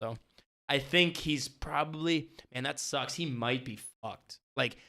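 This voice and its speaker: A man's voice: mid-range voice, a little slow, creaky, bright, forceful tone. A young man co-hosting a casual podcast, talking in a laid-back way with lots of filler words and swearing. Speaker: podcast co-host.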